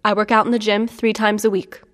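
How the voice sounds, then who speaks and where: A woman presenting a language lesson and reading dialogue lines in a brisk, clear delivery. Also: mid-range voice, little pitch movement, a bit bright. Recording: reverberant room.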